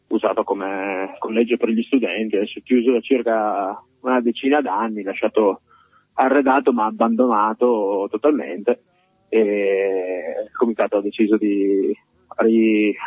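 Husky male reporter calling in over the phone. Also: on the low side, darkish tone, no echo. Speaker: field reporter. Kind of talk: live on-the-spot report. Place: on location outside an occupied building. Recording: dull lo-fi phone line.

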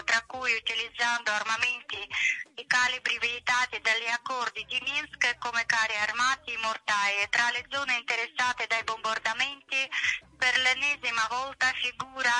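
A woman correspondent heard over a phone on speakerphone, reading a news report in a halting way with many filler pauses. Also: fairly high pitch, sharp tone, dry recording, rough recording.

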